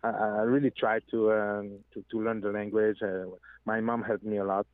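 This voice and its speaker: Speaking by phone on a tinny line, a hesitant man whose first language is French is being interviewed as a guest singer. His lowish voice barely moves in pitch and keeps a moderate pace with no echo, while he hunts for English words and restarts frequently.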